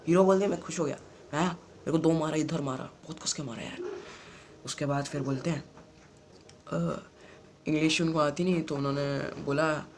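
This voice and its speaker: A man's voice: a little high, fairly even intonation, normal speed, long pauses, background noise. A teenage boy telling an unscripted school story for his vlog, rambling and repeating himself. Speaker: YouTuber.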